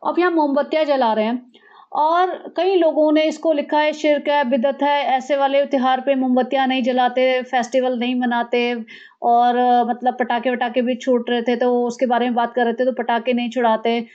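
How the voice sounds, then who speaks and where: Brief: high-pitched woman, sarcastic gossip commentator, mocking tone, slightly muffled audio. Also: flat delivery, normal speed, a little mellow. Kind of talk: commentary vlog.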